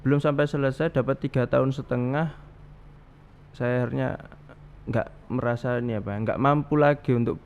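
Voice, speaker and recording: Man, 30s, gravelly, rambling guest, muffled noisy recording. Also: mid-range voice, steady tone, moderate pace, a little mellow. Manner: rambling, with many restarts and Javanese fillers. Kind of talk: casual interview. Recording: dull, slightly noisy studio audio.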